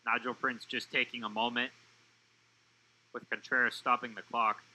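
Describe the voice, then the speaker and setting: Man, color commentator, crisp bright tone, mid pitch, measured analysis. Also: level tone, poor audio.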